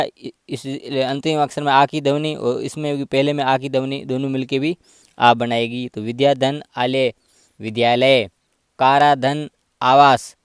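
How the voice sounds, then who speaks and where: Slow, clear-voiced male teacher. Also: medium pitch, dry recording, studio quality. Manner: patient, spells out examples one by one. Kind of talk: slow grammar lesson.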